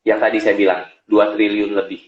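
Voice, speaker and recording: A man, a business coach, telling stories lively in an interview and acting out the voices of the people he quotes. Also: on the low side, brisk. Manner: animated storyteller, acts out quoted voices. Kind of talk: storytelling interview talk. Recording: echoey, dull-sounding room.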